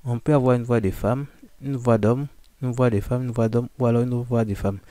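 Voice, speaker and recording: A man giving a casual, informal software walkthrough, addressing the listener directly with frequent fillers. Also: mid-range voice, steady tone, moderate pace, dry recording. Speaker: software tutorial presenter. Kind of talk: casual screen-recording walkthrough.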